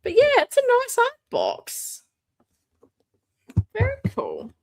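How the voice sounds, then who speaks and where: A woman with a slow, gravelly voice and huge pitch swings hosts a live toy collecting stream, chatting casually while reading viewer comments and unboxing a figure. She describes her voice as booming, and her desk mic is moved away at times.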